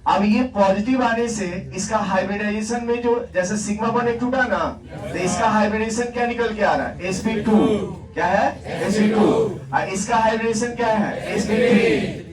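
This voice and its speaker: A man's voice: sits high, normal speed, a crowd in the background. A man teaching a chemistry class in Hindi, asking the students questions and answering them himself, repeating key words for emphasis. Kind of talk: classroom lecture. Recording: echoey classroom, distant mic, background noise.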